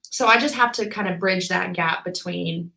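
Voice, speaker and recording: Young woman, bright voice, chatty and casual, lots of fillers, podcast guest. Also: lowish voice, moderate pace, gravelly, poor audio. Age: 20s. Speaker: guest, physical therapist.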